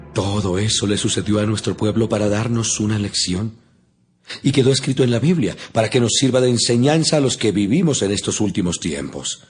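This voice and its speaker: Casting: a man playing an earnest, stern apostle for a dramatized audio scripture, lowish register, solemn preacherly emphasis, light score underneath. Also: close to an everyday voice. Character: apostle Paul, earnest, stern male preacher to his flock. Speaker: Bible reader voicing the apostle Paul. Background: music behind the voice.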